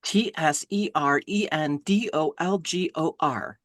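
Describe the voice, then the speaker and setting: A woman's voice: deep voice, unhurried, dry recording, clean studio sound. A woman co-hosting a book podcast in casual chat, wry and blunt, swearing casually. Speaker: podcast co-host.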